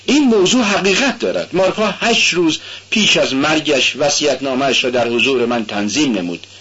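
Male reader doing a sly landowner, voice pitched up, lively, in a dull lo-fi storybook recording. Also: breathy edge. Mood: insinuating.

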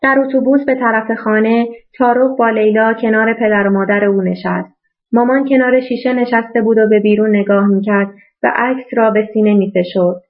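A woman reading a novel aloud as audiobook narrator in a steady storytelling manner, in a tinny phone-like recording. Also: fairly high pitch.

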